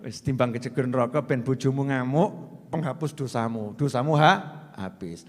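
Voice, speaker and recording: Man, sermon, animated, quizzes listeners, long hall echo. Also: medium pitch, normal speed. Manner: animated, asks the crowd questions and acts out wife and husband. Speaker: preacher. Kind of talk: religious lecture to a congregation.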